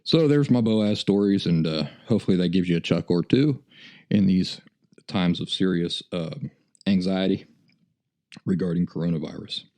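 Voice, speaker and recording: An American podcast host tells stories in a casual monologue, his delivery folksy and self-deprecating. His voice is low-pitched and warm, moving at a moderate pace.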